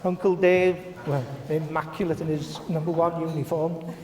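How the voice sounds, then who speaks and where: Middle-aged man, fairly high voice, jovial and halting wedding toast speech, hall reverb. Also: flat delivery, darkish tone, slight background noise. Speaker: father of the bride. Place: large glass-walled wedding reception room. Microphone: handheld microphone. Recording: echoey hall, handheld mic, guests reacting. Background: wedding guests murmuring and laughing.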